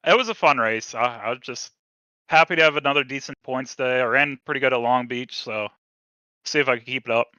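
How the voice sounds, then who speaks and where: A man speaking in a post-race interview as the runner-up, relaxed and friendly, a bit halting. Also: medium pitch, smooth, no room sound, lo-fi sound. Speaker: second-place racer.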